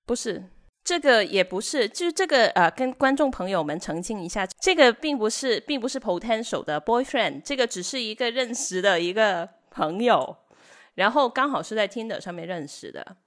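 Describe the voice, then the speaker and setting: Woman, podcast co-host, chatty, lively varied pitch, frequent self-corrections. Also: normal speed. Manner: talkative, with many restarts and self-corrections. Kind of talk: casual chat.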